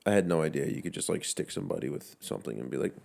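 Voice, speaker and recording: A woman's voice: extremely low pitch, very fast, gravelly, darkish tone. A woman co-hosting a casual podcast, reacting bluntly and swearing freely. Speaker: podcast co-host.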